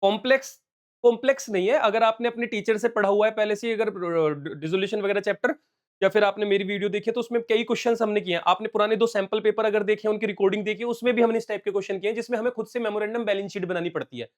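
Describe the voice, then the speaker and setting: A man's voice: sits high, fairly even intonation, racing. A male commerce teacher explaining exam questions step by step, working sums aloud and mixing English terms into his talk. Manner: explains step by step, calls viewers "beta" and "bachche". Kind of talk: solving exam questions on a live stream.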